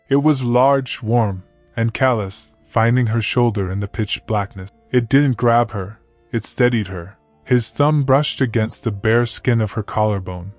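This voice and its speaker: A man narrating a romance story in a slow, dramatic, lingering delivery. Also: on the low side, a little mellow, dry recording.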